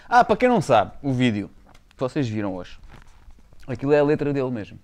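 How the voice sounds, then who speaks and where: A man's voice: mid-range voice, big pitch swings, fast talker, darkish tone. A man with a European Portuguese accent, hosting a casual chat in an informal, slangy way. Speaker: show host.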